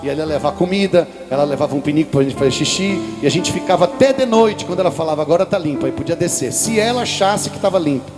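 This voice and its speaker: A man's voice: fairly high pitch, expressive, fast talker, few pauses. A Brazilian man preaching at a religious event, telling a personal story and speaking directly to the congregation. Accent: Brazilian Portuguese. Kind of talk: sermon. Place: large hall at a religious event. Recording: live hall reverb with music behind.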